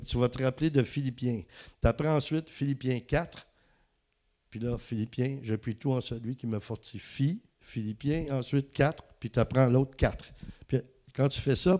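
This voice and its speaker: A male preacher with a Quebec French accent tells anecdotes in a sermon. His voice swings up and down with lively energy, and he laughs at his own jokes. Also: medium pitch. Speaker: preacher and guest speaker.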